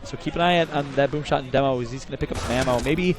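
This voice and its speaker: A young man giving live play-by-play esports commentary, excitable and bursting into shouts at big plays. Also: mid-range voice, racing, a crowd in the background.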